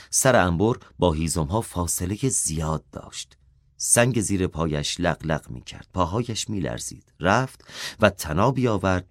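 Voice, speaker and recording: A man reading a children's story aloud, expressive and dropping softer for the character's inner thoughts. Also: low voice, no room sound, studio quality.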